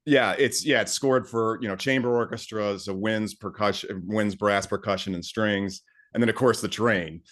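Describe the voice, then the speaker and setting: A man's voice: fairly low pitch, fairly even intonation, moderate pace, fairly bright tone. A man talking as a guest composer in a casual interview, enthusiastic and full of fillers and restarts.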